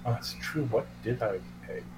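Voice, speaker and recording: A man's voice: mid-range voice, moderate pace, darkish tone, a little hiss or hum, rough recording. A man playing a tabletop role-playing game, talking casually as one of the players.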